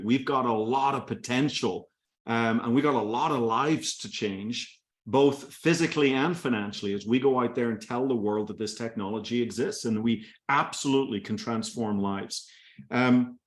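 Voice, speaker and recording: A man in his forties from Northern Ireland with a light Belfast accent, giving an enthusiastic motivational talk on a group call, telling his story with many fillers and restarts. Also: medium pitch. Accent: light Belfast Irish. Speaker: company leader speaking on a kickoff call.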